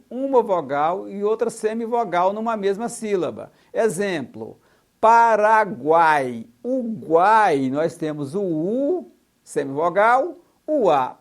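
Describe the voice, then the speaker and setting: A man teaching a recorded exam-prep lesson, listing examples one by one and spelling out letters methodically. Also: high voice. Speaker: Portuguese teacher.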